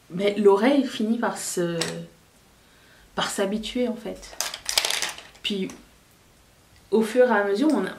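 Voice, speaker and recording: A candid vlogger in her thirties chats loosely to camera, often looping back to restart a thought. Her mid-range, slightly mellow voice sits away from the microphone in a noticeably echoing room.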